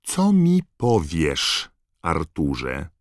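A man voicing a short, plump, motherly witch who sounds suspicious and quietly threatening. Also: deep voice, sing-song, measured pace, no echo, studio quality, pitched above the performer's own voice, full character voice. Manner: warm yet menacing.

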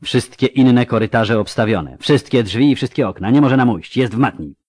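A man's voice: medium pitch, animated, normal speed, darkish tone, no echo, pitched above the performer's own voice, natural voice. A man voicing the cold leader of a band of masked assassins, barking short, curt orders and threats. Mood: commanding.

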